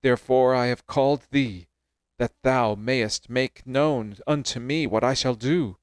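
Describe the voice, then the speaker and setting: A man's voice: mid-range voice, a little slow, clean tone, dry recording, studio quality, lightly acted. A man voicing a distressed king in an emphatic, pleading archaic reading. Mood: desperate. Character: distressed desperate male king.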